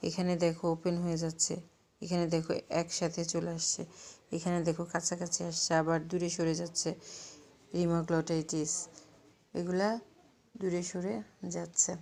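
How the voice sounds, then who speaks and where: A woman's voice: fairly low pitch, level tone, normal speed, pauses often, darkish tone. A woman gives an anatomy lecture over slides, explaining step by step and asking her own questions. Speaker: medical lecturer.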